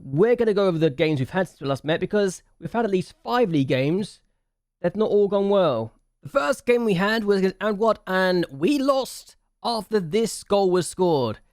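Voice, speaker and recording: A man's voice: high-pitched, a little mellow, no echo, clean studio sound. A man hosting a game channel, chatting casually through his gameplay, thinking aloud and repeating himself for emphasis.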